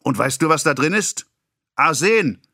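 A man's voice: a little high, expressive, slow, sharp tone, no room sound, studio quality, voice pushed up, full character voice. A man playing a pompous raging apothecary. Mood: ranting. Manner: ranting, scolding, self-important. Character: pompous excitable middle-aged male apothecary. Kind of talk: audiobook character voice.

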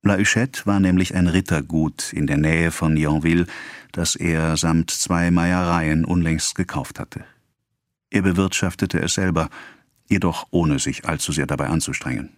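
A man reading a novel aloud as narrator, in an even, measured way. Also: low voice, dry recording, studio quality. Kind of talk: scripted audiobook narration.

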